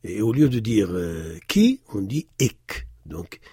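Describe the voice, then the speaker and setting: A man teaching a language lesson, explaining slowly and patiently with frequent hesitations, stressing the example words he pronounces. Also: fairly low pitch, big pitch swings, mellow, breathy edge, dry recording, clean studio sound. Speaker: Arabic teacher. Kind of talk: slow spoken lesson walking through worksheets.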